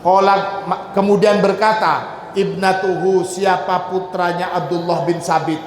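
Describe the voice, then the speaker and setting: A man's voice: high-pitched, flat delivery, measured pace. A man teaching a religious book-study lesson, reading Arabic phrases and then explaining them in casual everyday speech. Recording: echoey hall with faint ambience.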